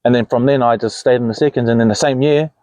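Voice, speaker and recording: A man's voice: mid-range voice, steady tone, quick pace, a little mellow, dry recording. A man with a broad New Zealand accent, chatting casually and telling stories in a laid-back, slangy way. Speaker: interview guest, rugby player. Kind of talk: casual chat, storytelling.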